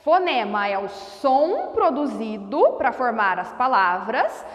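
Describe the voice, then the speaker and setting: A woman teacher with a high, lively voice walks through a whiteboard lesson, stretching words out slowly and carefully. She talks at an unhurried pace. The room rings with echo and a long reverb tail. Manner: slow, deliberate over-enunciation of sounds. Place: classroom with a whiteboard.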